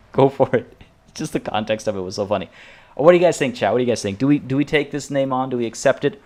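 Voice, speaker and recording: A streamer playing a video game chats to his viewers fast in a mid-range, darkish voice, rambling off on tangents with many restarts. He mentions that he's losing his voice.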